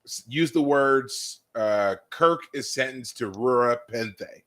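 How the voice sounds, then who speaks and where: A man co-hosting a casual podcast chat who retells favorite scenes with mounting energy. He gets excited and punctuates his stories with loud bursts. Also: medium pitch, takes it slowly. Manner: animated storyteller, acts out scenes with loud exclamations. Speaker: podcast co-host. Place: live podcast recording.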